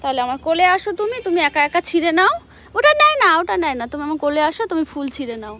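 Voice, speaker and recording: A woman's voice: high-pitched, lively intonation, rapid-fire, heavy background noise. A young mother talking to her small child in a sing-song, coaxing way while filming outdoors in a rooftop garden. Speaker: mother and vlogger.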